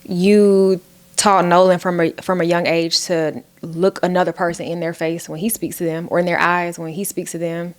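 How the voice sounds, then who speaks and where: A woman's voice: lowish voice, level tone, moderate pace. A woman co-hosting a casual conversation about raising children, speaking in an earnest, affirming way. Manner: earnest, affirming, often agrees with short replies. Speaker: co-host, parent. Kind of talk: casual chat.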